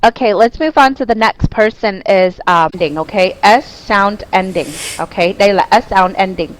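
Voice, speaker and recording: A woman's voice: mid-range voice, normal speed, poor audio. Patient woman teacher. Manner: patient, repeats points, keeps checking understanding with "okay?". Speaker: English pronunciation teacher. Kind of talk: online classroom explanation.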